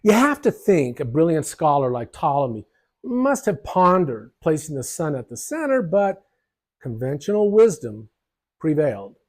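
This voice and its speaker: A man narrating a history lesson over slides, his voice sitting a little high and swinging widely as he explains. He keeps it light, tossing in jokes and casual asides between points. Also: normal speed. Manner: lively, jokey explanations with asides. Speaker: history channel presenter.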